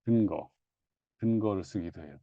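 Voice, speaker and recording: A man's voice: low voice, moderate pace, dry recording, phone-quality sound. A man giving an online exam-prep lecture in a conversational, repetitive teaching manner, often correcting himself mid-phrase.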